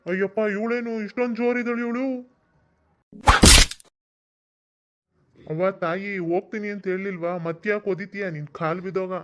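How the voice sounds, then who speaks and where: A man's voice: high voice, steady tone, fast, very noisy, close to an everyday voice. A cocky village flirt, voiced by a man, who sweet-talks. The sound is dull and lo-fi, as in a cartoon dub. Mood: startled. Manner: wheedling, sweet-talking.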